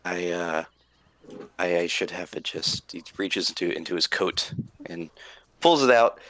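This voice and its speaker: A man's voice: low voice, unhurried, a bit bright, slight background noise. A man narrating as dungeon master in a tabletop game, rambling with fillers. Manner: rambling with fillers, laughs often.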